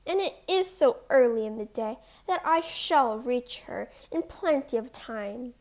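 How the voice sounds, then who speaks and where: A woman plays an innocent little storybook girl, polite and wide-eyed. The voice sits very high and exclaims earnestly, drawing the words out slowly. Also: animated, darkish tone. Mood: cheerful.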